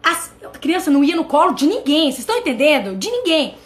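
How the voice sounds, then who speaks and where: Brazilian-accented woman, high pitch, animated vlog host telling a personal story to camera. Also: quick pace. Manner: animated, addresses viewers directly. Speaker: channel host.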